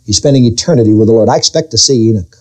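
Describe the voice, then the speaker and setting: A middle-aged male pastor preaching a sermon, swinging his voice up and down and drawing out key words. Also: rapid-fire. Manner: preaching with sudden pitch swings and quoted voices.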